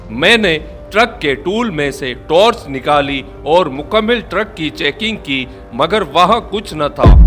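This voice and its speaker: Male storyteller for a horror tale, measured and suspenseful, slightly high voice, soft music underneath. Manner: slow, measured, suspenseful telling. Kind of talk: scripted first-person storytelling.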